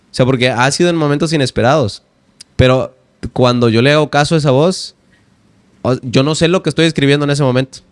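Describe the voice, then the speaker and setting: A man's voice: medium pitch, no room sound, studio quality. A man in his twenties with a Mexican accent, a poet and teacher, talking in a casual podcast interview, acting out his own quoted lines as he tells stories. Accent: Mexican Spanish. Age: 20s. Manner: animated storyteller who acts out his own quoted lines. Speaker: guest poet and language teacher.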